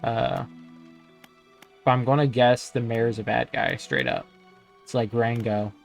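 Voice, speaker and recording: A man giving casual gameplay commentary, reading game text aloud and thinking out loud. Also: medium pitch, measured pace, creaky. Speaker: gamer. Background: game music.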